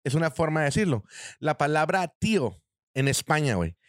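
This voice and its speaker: A Mexican man argues in a casual chat with a friend, full of slang and swearing. His voice sits fairly high and swings widely in pitch. The sound is dry and close, with no room around it. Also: sing-song, fairly quick, dry recording. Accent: Mexican Spanish. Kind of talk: casual debate between friends.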